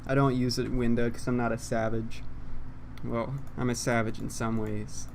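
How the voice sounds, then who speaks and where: A young YouTuber sits at his computer at home and rambles unscripted into a condenser mic, putting himself down and using lots of fillers. His mid-range voice is level and creaky at a moderate pace, with faint background noise.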